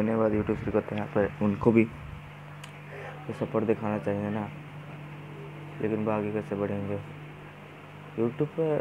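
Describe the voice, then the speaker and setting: Here a man with a fairly low voice commentates his mobile battle game live, talking to viewers and shouting urgent orders to his team with excitement. Background noise is present, and the high frequencies are cut off.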